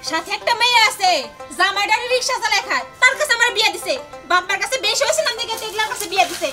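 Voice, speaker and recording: A woman playing a harsh, bitter village stepmother who scolds and threatens. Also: rapid-fire. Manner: shrill scolding, threatening, mocking. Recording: music playing under the voice.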